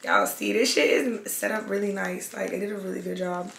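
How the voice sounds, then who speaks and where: Brisk and a bit bright, with vocal fry, a mid-range voice and fairly even intonation, a young woman talks to camera while eating in a mukbang. She's loose and slangy, swears plenty and chews between lines; the room is echoey with faint background noise.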